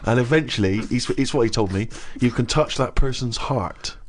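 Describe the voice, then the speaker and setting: A man's voice: medium pitch, moderate pace. A man on a podcast relaying a bizarre fact with mock earnestness.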